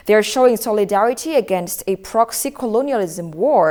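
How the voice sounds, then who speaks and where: A woman news anchor reading the evening news in a measured, formal way. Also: mid-range voice, expressive, darkish tone. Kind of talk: read news script.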